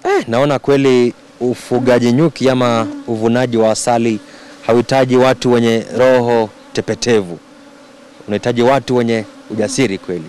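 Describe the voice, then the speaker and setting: A man's voice: mid-range voice, fairly even intonation, fairly quick, darkish tone, slight background noise, low-quality recording. A man with a Kenyan accent interviewing conversationally as a field reporter. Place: outdoors among beehives. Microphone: handheld microphone. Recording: outdoor field audio with insect buzz.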